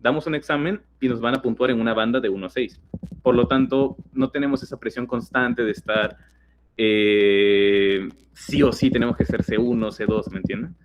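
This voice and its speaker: A teenage guest speaker from Peru, with a Peruvian Spanish accent and a mid-range voice, gives a webinar talk at a moderate pace. He explains things with many fillers and restarts, and there is slight background noise.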